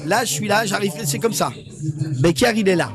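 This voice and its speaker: A man's voice: high voice, expressive, brisk, music in the background. A man tells his story with a slightly raised voice and plenty of animation. He repeats words as he goes and acts out the people he quotes. He is speaking on the stage of a live event. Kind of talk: lively storytelling anecdote.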